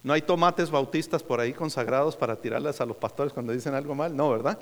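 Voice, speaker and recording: A man's voice: mid-range voice, fast talker. A man preaching a sermon as a pastor, calling on the congregation for answers and adding joking asides. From United States. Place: church sanctuary. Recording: long hall reverb.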